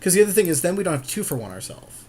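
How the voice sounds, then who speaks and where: A man with a high, very animated voice talks in rapid-fire bursts, his tone a little mellow, with some faint hiss or hum in the audio. He co-hosts a gaming podcast, chatting casually with a friend in a rambling, slangy style that includes some swearing.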